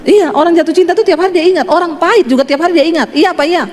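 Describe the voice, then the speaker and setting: A woman from Sulawesi preaches a sermon in a bright, high voice. She tells stories in a chatty way and puts questions to the congregation. The sound carries a long hall reverb. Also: racing, a little hiss or hum. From Sulawesi, Indonesia.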